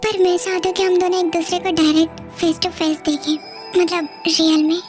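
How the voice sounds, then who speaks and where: Storybook role: a defensive young woman, read by a woman, exasperated, very high voice, soft music bed. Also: flat delivery, fairly quick.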